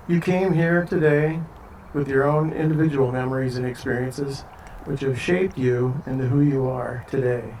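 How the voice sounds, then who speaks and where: A man leading a wedding ceremony as officiant, speaking in a steady, formal way with light joking asides. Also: medium pitch. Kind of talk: ceremony address. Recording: distant mic, faint background noise.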